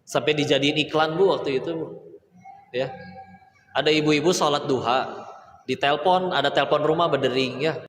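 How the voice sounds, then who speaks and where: A man preaching a lively sermon, acting out dialogues in playful voices. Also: on the high side, normal speed, pauses often, a little hiss or hum. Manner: animated, acts out dialogues in playful voices, mixes in Sundanese. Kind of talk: lively sermon to a live audience. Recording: echoey hall with faint ambience.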